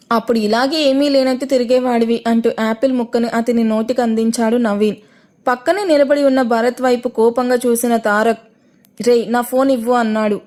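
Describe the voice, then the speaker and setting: A woman's voice: a little high, a little mellow. Woman narrating a romance audio story.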